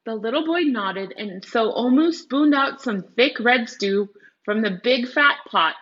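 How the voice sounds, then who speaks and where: This woman's voice sits on the high side, a bit bright, with lively intonation and a measured pace, heard through lo-fi sound. A teacher, she reads a picture book to young listeners, explaining vocabulary and frequently asking them questions outright.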